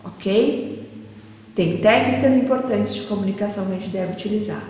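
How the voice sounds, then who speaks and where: A woman's voice: medium pitch, moderate pace, a little mellow. A woman with a Brazilian Portuguese accent teaching caregivers in a didactic way, often checking in with her listeners through rhetorical questions. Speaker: caregiving educator. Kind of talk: lecture to caregivers. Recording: echoey hall with long reverb.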